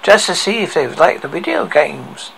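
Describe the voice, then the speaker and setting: Horror story killer, male, acted by a man: deranged, tormented, very gravelly, slightly high voice, theatrical delivery, slightly noisy amateur recording. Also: big pitch swings, fairly bright tone, heavily acted. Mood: menacing. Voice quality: heavily creaky, gravelly. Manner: slow, halting, theatrical delivery. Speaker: horror host. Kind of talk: dramatic horror story recital.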